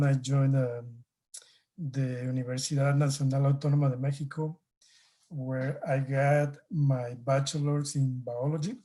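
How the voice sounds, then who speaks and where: A man from Mexico giving an online talk as a guest scientist, speaking in a relaxed way with many pauses and fillers. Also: mid-range voice.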